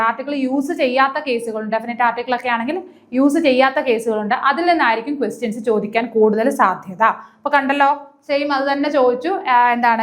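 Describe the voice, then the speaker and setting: A woman leads an exam-prep lesson. She keeps asking questions and then answering them herself. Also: high-pitched. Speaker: teacher.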